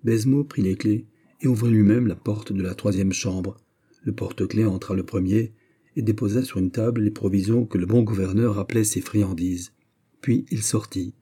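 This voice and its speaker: A man reading a classic novel aloud in steady, measured narration. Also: on the low side, slightly rough. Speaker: audiobook reader. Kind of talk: scripted narration.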